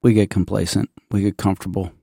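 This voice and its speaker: A man with a gravelly voice co-hosting a casual church podcast. He speaks emphatically, like a preacher, stacking up points. The sound is dry and close to the mic. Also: deep voice, little pitch movement, fast, mellow, dry recording. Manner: preacherly, emphatic, builds lists. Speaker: podcast co-host.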